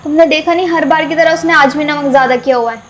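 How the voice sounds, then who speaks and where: A woman's voice: high-pitched, fast, soft background music, lightly acted. Woman playing a scolding, impatient employer. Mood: irritable. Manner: scolding, irritable.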